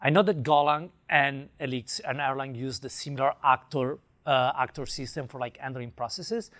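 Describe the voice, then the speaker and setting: With medium pitch, a steady tone, moderate pace and a fairly bright quality, an Italian man speaks in his native accent. He's presenting a tech talk at a conference and handling audience Q&A enthusiastically, with lots of fillers and restarts.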